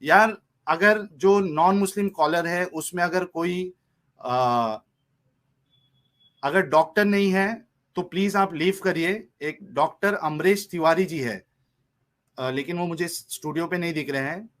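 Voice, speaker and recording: A man's voice: sits high, a little slow, fairly bright tone. A man hosting a heated live-stream debate, interrupting and mocking the caller.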